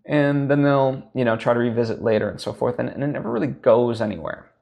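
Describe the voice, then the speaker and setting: A man's voice: medium pitch, quick pace, gravelly, darkish tone. A young man hosting a podcast, explaining writing advice in a loose, rambling way with many restarts. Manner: rambling, full of fillers and restarts. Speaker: podcast host. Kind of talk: casual teaching talk.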